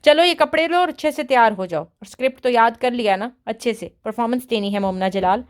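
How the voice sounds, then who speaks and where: A woman reading a romance audiobook voices a rude, vengeful young man who threatens and mocks his captive in a low, cold tone. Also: smooth, natural voice. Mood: sneering. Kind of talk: audiobook character voice.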